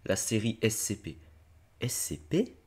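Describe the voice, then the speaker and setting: A man with a French accent doing casual reaction commentary, excitable and slangy, with loud outbursts. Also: on the low side, measured pace, slightly rough. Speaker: video reactor host.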